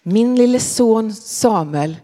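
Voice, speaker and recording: A woman's voice: a little high, animated, dark tone, long reverb tail, natural voice. A woman voicing grateful mother Hanna. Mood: earnest.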